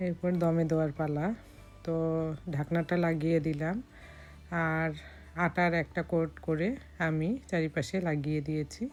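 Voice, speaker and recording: A hoarse woman from Bangladesh gives calm step-by-step recipe narration as a cooking vlogger. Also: sits low, moderate pace, long pauses, soft background music.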